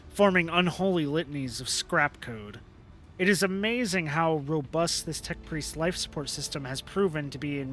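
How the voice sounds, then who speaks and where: Young male streamer; casual read-aloud of game text, slightly high pitch. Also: sharp tone. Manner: casual, joking asides between narration.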